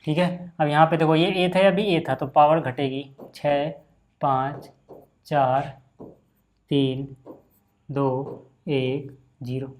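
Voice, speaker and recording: A man's voice: fairly high pitch, steady tone, takes it slowly, pauses often. Man, maths teacher, Hindi accent, casual explaining, repeats fillers, screen-recorded lesson. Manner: casual, repeats "ठीक है" and "भाई" often.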